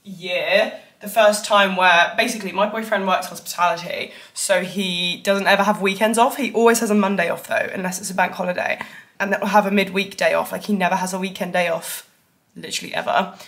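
A woman's voice: medium pitch, steady tone, fairly quick, fairly bright tone. A woman, chatting casually to camera as a vlogger, filling her talk with "like" and "literally". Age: 20s. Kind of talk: casual vlog chat to camera. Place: home and car on a rainy day.

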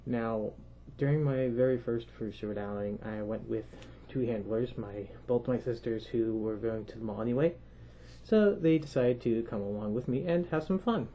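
A man's voice: mid-range voice, moderate pace. A young man telling a story to camera as a vlogger, his voice muffled through a costume head, chatty and rambling with restarts. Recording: slightly dull lo-fi sound with faint noise.

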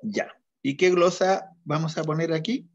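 Taking an unhurried pace, a man teaching an online class goes through an accounting problem step by step, asking questions and checking the answers with patience. His voice runs a bit high for a male, and the audio is dull and low-fidelity.

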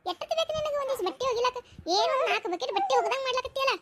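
A sharp-tongued village mother-in-law, played by a woman, with a North Karnataka accent fires off sarcastic questions. The voice sits very high and moves fast. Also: animated, a little hiss or hum. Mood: scolding. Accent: North Karnataka Kannada. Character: nagging middle-aged village mother-in-law.

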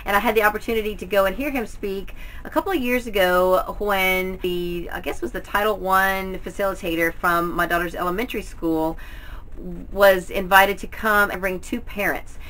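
Casting: middle-aged woman, bright forward voice, mid pitch, chatty home vlogger. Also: fairly even intonation, moderate pace, rough recording. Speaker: book haul vlogger. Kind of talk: casual, chatty book review to camera. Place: indoors at home, in front of bookshelves.

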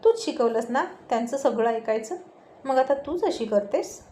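A woman's voice: on the high side, expressive, normal speed, warm tone, echoey room, slight background noise, close to an everyday voice. A woman voicing a cheerful, teasing young man speaking to his parents. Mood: playful. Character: cheerful young man, playful grown son.

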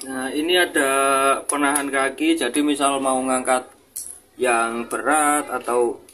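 With a mid-range, fairly bright voice that stays steady and unhurried, a young man informally demonstrates and reviews a product he sells, calling his viewers boss. The home video is noisy and has clicks.

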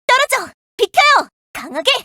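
A voice actress playing a young, earnest and protective firefighter in a game, polite and gentle, snapping into crisp radio-style reports. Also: female voice, very high voice, big pitch swings, moderate pace, dry recording, studio quality, heavily acted. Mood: urgent shouts. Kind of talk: game character voice lines. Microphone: dry studio mic.

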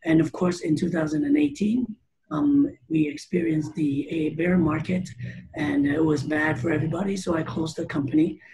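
Middle-aged founder from Canada, chatty guest, fairly high for a man, gravelly, heard through a webcam. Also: steady tone, normal speed, a little mellow, low-quality recording. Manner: chatty, many fillers and restarts. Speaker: startup founder interviewed. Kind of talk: video call interview. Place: room with teal curtains. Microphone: video call webcam.

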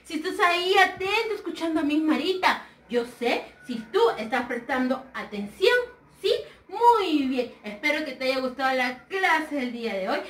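Bright high-voiced preschool teacher. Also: female voice, echoey room, far from the mic. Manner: sweet, sing-song, coaxing and affectionate. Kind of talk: remote lesson for young children.

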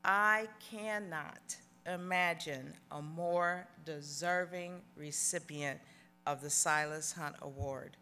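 Slow-paced woman giving a formal tribute. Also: deep voice, bright, forceful tone, a little hiss or hum. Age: middle-aged. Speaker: award presenter introducing the honoree. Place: large banquet hall stage. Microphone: podium microphones. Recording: echoey hall PA with some music.

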